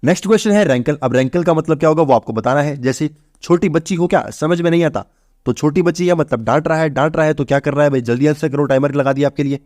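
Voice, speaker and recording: A young man teaching exam vocabulary, briskly asking and answering his own questions. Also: fairly high pitch, a little mellow, no room sound, studio quality. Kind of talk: exam-prep vocabulary lesson.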